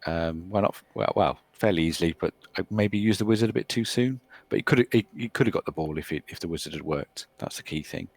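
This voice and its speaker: Very deep voiced guy, halting casual chat about his games, keeps trailing off. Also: no echo. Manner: hesitant, restarts sentences, trails off. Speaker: Blood Bowl player recapping his games. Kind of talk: casual chat over game replay.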